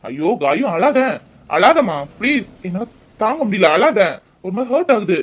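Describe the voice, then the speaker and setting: Guy voicing a young husband in a cartoon, coaxing and pleading, slightly high voice. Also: big pitch swings, normal speed, husky, full character voice. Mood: consoling. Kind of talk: cartoon voice acting.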